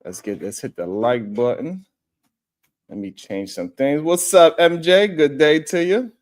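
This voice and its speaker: A man's voice: on the high side, unhurried. A man hosting a casual livestream, talking loosely and rambling as he greets viewers in the chat and chuckles often.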